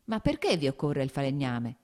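A woman's voice: extremely low pitch, sing-song, moderate pace, darkish tone. A woman reading an audiobook, voicing an evasive male estate steward who answers with placating excuses.

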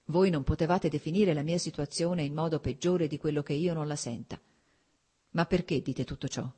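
A woman's voice: deep voice, normal speed, warm tone, husky. A woman voicing a proud, desperate young wife, defensive and pleading. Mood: hurt.

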